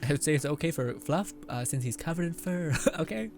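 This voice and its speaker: A young man chats over his game stream in a rambling, easygoing way, laughing often as he reads out chat messages. His pitch sits a little high for a man and swings about with animation. Faint game music plays under his voice. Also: animated, fairly quick, gravelly. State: out of breath at times. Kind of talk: casual live-stream commentary.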